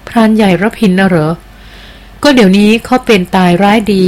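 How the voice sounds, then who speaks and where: A woman's voice: medium pitch, brisk, darkish tone, natural voice. A woman reading aloud as a bold young woman who teases and presses for answers in an audiobook. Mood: insistent. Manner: teasing and insistent.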